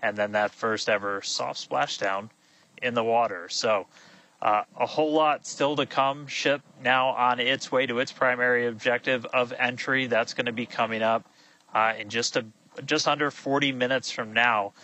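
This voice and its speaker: Excited man commentating a launch live. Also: mid-range voice, highs cut off. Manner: excited, quick, with many fillers.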